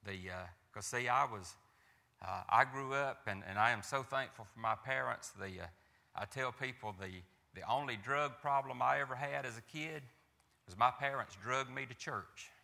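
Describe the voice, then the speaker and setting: A man with a Southern drawl tells his faith story in an earnest, halting way, circling back with repeated phrases and questions to his listeners. His voice is gravelly yet bright and pressing, and it carries a long hall reverb. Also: medium pitch. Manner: earnest, repetitive, with frequent restarts and rhetorical questions.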